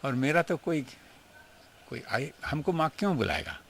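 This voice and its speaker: With a highish, creaky voice full of big pitch swings, the older man speaks at a moderate pace over slight background noise. Reminiscing in an interview about his guru, he narrates earnestly and with emotion, dropping in English phrases.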